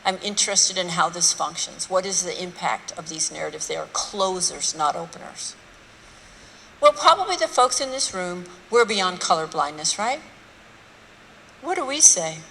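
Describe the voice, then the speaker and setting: A woman's voice: fairly low pitch, expressive, unhurried, vocal fry, pauses often, pushed and bright, a little hiss or hum. Blunt woman lecturing in a big hall. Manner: blunt, rhetorical, mocking asides. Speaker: speaker giving a talk on race. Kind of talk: public lecture to a live audience. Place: large hall with an audience. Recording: hall reverb, faint room ambience.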